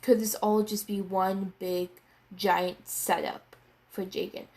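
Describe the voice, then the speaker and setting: Young woman, excitable manga reviewer; slow, drawn-out delivery, rambling, swears when worked up. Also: medium pitch, creaky. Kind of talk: casual video review.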